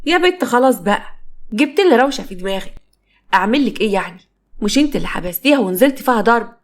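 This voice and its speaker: A woman with an Egyptian accent voicing a callous older mother who mocks her daughter calmly. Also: a little high, racing. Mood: mocking, scornful. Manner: mocking, unbothered.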